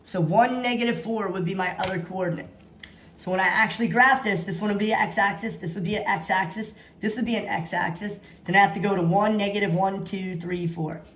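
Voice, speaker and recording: A woman's voice: mid-range voice, brisk, fairly bright tone. A woman with a mid-range voice teaches in an echoey space. She walks through practice problems in an instructional way, dictating notation bit by bit. She often repeats key phrases for emphasis. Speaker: math teacher. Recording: echoey room sound.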